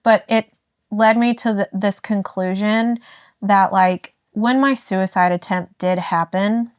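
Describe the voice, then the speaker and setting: Emotional young woman, halting speech. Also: mid-range voice, steady tone, no room sound, studio quality. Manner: halting, emotional, many fillers and restarts. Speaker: podcast guest. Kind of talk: candid personal conversation.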